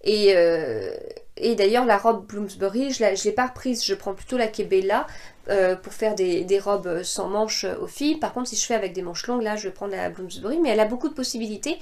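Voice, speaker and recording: A woman in her thirties or forties talks through her sewing projects in a relaxed, meandering way. Her voice sits at a middle pitch for a woman, and she often pauses with fillers and restarts her sentences. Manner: hesitant, many fillers and restarts. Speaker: sewing podcaster. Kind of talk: casual chat about sewing projects.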